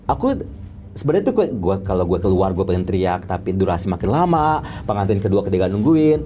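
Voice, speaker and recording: A man's voice: low voice, big pitch swings, brisk, mellow, slight background noise. A man from Depok who does makeup, telling a story in an interview in casual slang and acting out sounds like tapping. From Depok, Indonesia. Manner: vivid, acts out sounds with "tek, tek" effects. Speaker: makeup artist guest.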